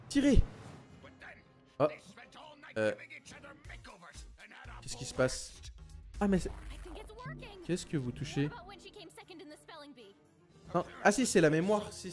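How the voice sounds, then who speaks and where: A man commentating his gameplay with a lot of energy, his pitch leaping up and down as he reacts. He gets loud and shouty at the wild moments. Faint game music plays behind him. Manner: excitable, reacting loudly and often breaking into shouts. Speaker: gaming video creator. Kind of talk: let's play commentary.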